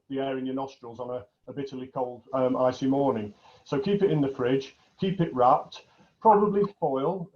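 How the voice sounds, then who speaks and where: A man's voice: mid-range voice, highs cut off. A man judging cheese, chatty and knowledgeable, with a joke now and then, in a casual tasting commentary. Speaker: cheese judge.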